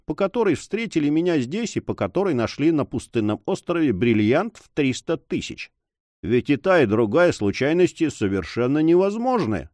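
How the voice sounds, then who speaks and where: A man's voice: a little high, darkish tone, no room sound. A man voicing a mocking, cool-headed sailor who talks in a sly, taunting, emphatic way in an audiobook. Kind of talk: audiobook character voice.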